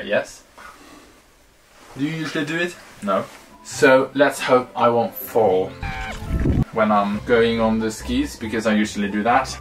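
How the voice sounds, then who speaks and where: A young man from Norway with a Norwegian accent, chatting playfully in a casual vlog, in a cabin and out in the snowy mountains. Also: medium pitch. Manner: playful, laughs often, chatty. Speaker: vlogger. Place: wooden cabin indoors, then snowy mountains outdoors.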